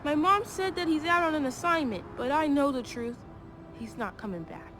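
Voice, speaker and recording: A woman's voice: sits high, moderate pace, a bit bright, soft background music. A woman voicing a defiant teenage boy in a video game, talking in a sulky, stubborn way. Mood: sullen.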